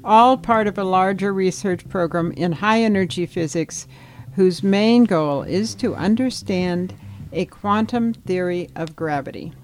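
A woman's voice: mid-range voice, a little slow, darkish tone. Woman host reading a radio intro. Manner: reads steadily from a script, checks pronunciations.

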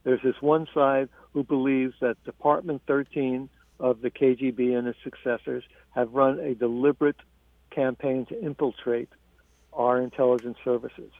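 A man, an author being interviewed about his book, speaking in a measured, halting way with frequent restarts. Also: medium pitch, little pitch movement, vocal fry, dry recording. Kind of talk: radio interview. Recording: tinny phone line.

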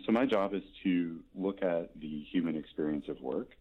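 A man's voice: low-pitched, normal speed, slightly rough, phone-quality sound. A man being interviewed as a company expert, answering thoughtfully with many hesitations.

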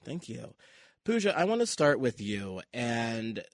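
A man hosting a radio panel discussion, introducing guests with measured, courteous questions. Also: mid-range voice, very animated, gravelly, no room sound. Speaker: radio show host.

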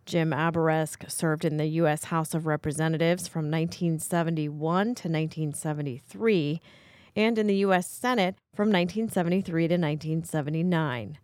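An American woman reads a scripted newscast as a radio anchor. Her pitch is slightly low for a woman, and the sound is very dry, with no room on it. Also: moderate pace, darkish tone, smooth, no echo.

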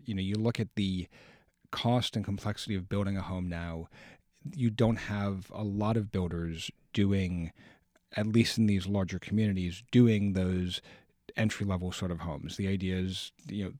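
A low-voiced man talks as a studio guest on a radio show, dry and close to the mic. He explains things in a measured way and often trips over his first words before finding the thought. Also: fairly even intonation, darkish tone, no room sound. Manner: measured, explanatory, stumbles on restarts. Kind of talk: radio talk commentary.

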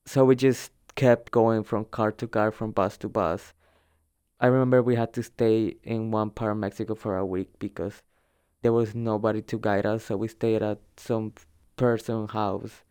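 This is an informal personal narrative from a young man from El Salvador, a native Spanish speaker, describing his own migration. His fairly low, clear, smooth voice is a little mellow, with little pitch movement and a moderate pace, and his slightly hesitant, conversational telling often repeats words for emphasis.

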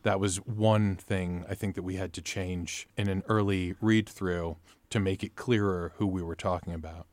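A man interviews a playwright, building his questions in long, thoughtful layers. His voice sits low. It is recorded close and dry. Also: fairly even intonation, moderate pace, few pauses, a little mellow, no room sound. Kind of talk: interview conversation.

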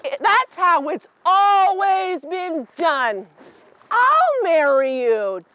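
A drag queen voicing a bossy, tradition-minded storybook cricket who makes insistent, drawn-out pronouncements. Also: extremely high pitch, very animated, pushed and bright, no room sound, full character voice.

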